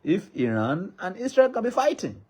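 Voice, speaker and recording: A traditional ruler, a Nigerian man and native Yoruba speaker with a Yoruba accent, makes an impassioned public appeal with a pleading, repetitive, preacher-like cadence. His high voice is very animated, moderately paced, and a little mellow.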